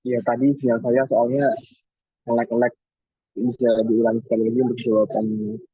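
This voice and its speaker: Polite young student on a choppy, breaking-up video call line, dry and raspy. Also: male voice, medium pitch, flat delivery, fairly quick, dry recording, dull audio. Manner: polite, formal. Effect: choppy, breaking-up connection. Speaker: student asking a question. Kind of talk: online class discussion.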